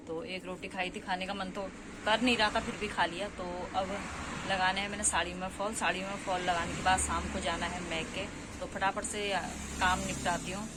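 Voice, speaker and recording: A middle-aged woman from India chatting with her viewers as she narrates her day in a casual vlog, talking into a phone camera. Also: on the low side. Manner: chatty, addresses viewers as friend. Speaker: vlogger. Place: outdoors, village shop and market. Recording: noisy outdoor phone recording.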